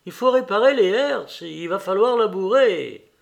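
High-pitched peasant steward, voiced by a male narrator, drawling, evasive, full of excuses, storybook character. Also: animated, a little slow, creaky, full character voice. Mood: whining. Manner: drawling, excuse-making, starts with "ben" and "oh".

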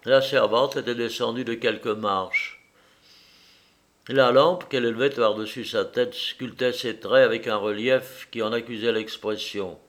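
A man reads a first-person novel aloud as an audiobook narrator. His delivery is measured and expressive, in an ordinary middle pitch. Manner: measured, expressive literary reading.

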